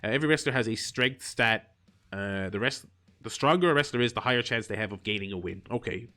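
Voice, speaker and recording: A man's voice: fairly low pitch, fast talker, sharp tone. A man streaming a mobile game, reading its tutorial text aloud and adding wry, rambling asides with lots of fillers. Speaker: gaming streamer.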